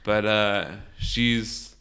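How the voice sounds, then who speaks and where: A man's voice: fairly low pitch, steady tone, drawn-out words, sharp tone. A young man on a podcast, casually telling a long story with lots of fillers and laughs. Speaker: podcast co-host.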